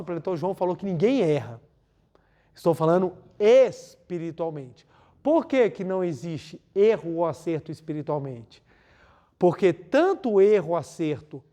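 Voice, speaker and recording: Male lecturer, spiritual talk, animated storyteller who acts out dialogues. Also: sits high. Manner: lively storytelling, acting out dialogues.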